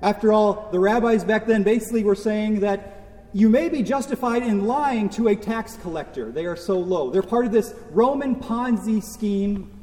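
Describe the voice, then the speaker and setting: High-voiced pastor in an echoing church. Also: male voice, normal speed, dark tone. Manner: conversational, with rhetorical questions and wry asides. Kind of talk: sermon. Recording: echoey church with long reverb.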